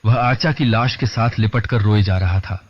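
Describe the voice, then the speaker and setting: A man giving a dramatic, measured scripted horror narration in a lo-fi recording. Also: fairly low pitch, breathy edge. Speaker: horror storyteller. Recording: lo-fi dull recording.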